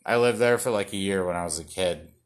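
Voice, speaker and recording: A man's voice: low-pitched, brisk, faint music behind. A young man doing a rambling, self-mocking comedy monologue read from cards, full of fillers, restarts and swearing. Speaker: stand-up comedian.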